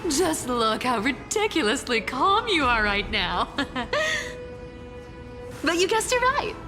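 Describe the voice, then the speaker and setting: A woman's voice: sits high, sing-song, takes it slowly, long reverb tail, over music, full character voice. An actress playing a sly, cocky young female demigod trickster in a video game, teasing and smug with slangy talk. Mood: amused, cocky.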